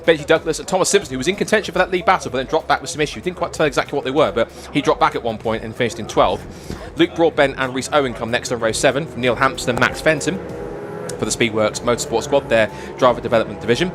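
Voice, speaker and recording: A man commentating on motorsport, rapidly running through the starting grid. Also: medium pitch, a crowd in the background. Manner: rapid and lively, reads off names. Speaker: race commentator.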